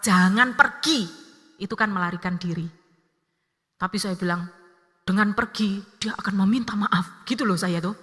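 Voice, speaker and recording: A woman, preaching a sermon as an evangelist and telling family stories with lively acted-out dialogue. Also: medium pitch. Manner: lively, acts out family dialogue in her story. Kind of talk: sermon with personal storytelling. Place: church hall. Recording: long church-hall reverb.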